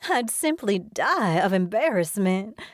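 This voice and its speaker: A woman's voice: medium pitch, very animated, measured pace, dry recording, clean studio sound. A woman voicing a catty, rich young woman from the American South who drawls smugly with a Southern accent. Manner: drawling, smug, giggly.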